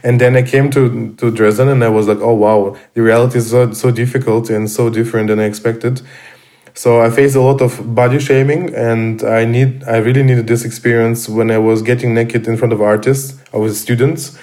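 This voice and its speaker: Halting man. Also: mid-range voice, level tone, dark tone. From Armenian, raised in Russia. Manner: halting, many fillers and restarts. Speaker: guest. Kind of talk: casual conversation.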